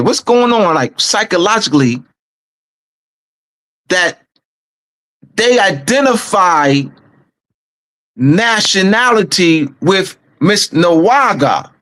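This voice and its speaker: Man, Camden accent, unhurried, stop-start, repeats himself, wide pitch swings. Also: sharp tone, rough recording. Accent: Camden, New Jersey. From Camden, New Jersey. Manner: halting, repeats words, searching aloud. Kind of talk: reflective storytelling talk.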